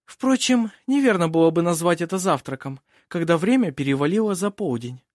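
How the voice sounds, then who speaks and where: A man's voice: fairly high pitch, expressive, brisk, a little mellow, no echo, studio quality, voice pushed up, natural voice. A man voicing a commanding older noblewoman who speaks imperiously.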